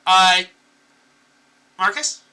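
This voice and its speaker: Game master, animated and very bright voice, chatty with frequent fillers. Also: mid-range voice, drawn-out words. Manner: hesitant, many fillers, chatty. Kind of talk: running a tabletop game.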